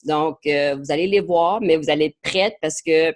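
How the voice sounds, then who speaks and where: A woman with a low-sitting voice speaks at a normal speed, leading a live online training session as a marketing coach. She's a native English speaker with an English Canadian accent, chatting in French that she sprinkles with English words, often hesitating and repeating herself.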